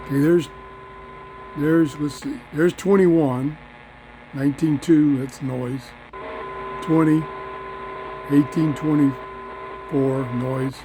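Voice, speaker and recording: A man giving a casual hands-on radio demonstration, halting and thinking aloud as he goes, in a room at home. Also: fairly high pitch, steady tone, dark tone, low-quality recording. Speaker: host of a radio review channel. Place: small indoor garden room at home. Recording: clear background noise, radio static.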